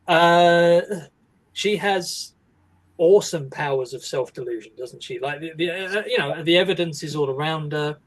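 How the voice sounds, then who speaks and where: A man's voice: fairly high pitch, moderate pace. A man, co-hosting a casual film podcast, rambling and wry, often breaking off mid-sentence. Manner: rambling, self-interrupting, wry. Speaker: podcast co-host.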